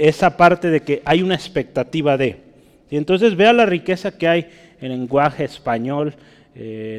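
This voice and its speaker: A man's voice: a little high, a little mellow. Man preaching in a reverberant church. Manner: teacherly, often checks with the congregation. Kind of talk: sermon, Bible teaching. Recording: church hall with long reverb.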